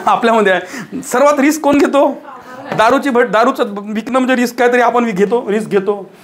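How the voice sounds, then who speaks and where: A man's voice: extremely high pitch, a little fast. A man giving a motivational lecture to a live audience, firing rhetorical questions and hammering points home through repetition. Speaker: teacher giving a motivational talk.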